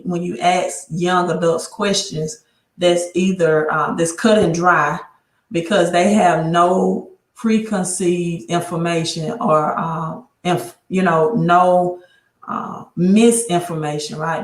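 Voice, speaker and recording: In an echoey room, a woman with a voice on the low side speaks slowly and with fairly even intonation. She's hosting an informal credit livestream over her laptop mic, chatty and restarting sentences a lot as she deals with technical glitches.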